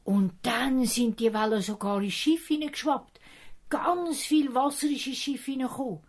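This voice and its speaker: A woman with a Swiss German accent telling a Bible story to children in an expressive storytelling manner. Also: high-pitched, moderate pace.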